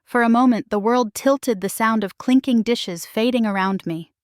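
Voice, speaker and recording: A woman narrating a dramatic first-person story in a measured, emotional way. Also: a little high, dry recording, studio quality.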